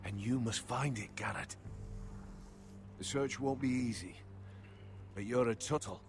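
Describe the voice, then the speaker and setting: An actor playing a solemn, loyal older male retainer and uncle in a video game, speaking in a measured, earnest way. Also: mid-range voice, soft background music, close to an everyday voice. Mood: grave. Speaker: loyal family advisor.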